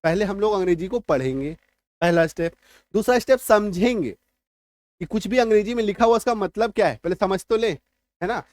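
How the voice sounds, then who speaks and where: High-voiced man teaching step by step. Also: expressive, normal speed, darkish tone, no room sound. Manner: explains step by step, asks "ठीक है?" often; repeats phrases and spells words out. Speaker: English teacher. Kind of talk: online spelling lesson.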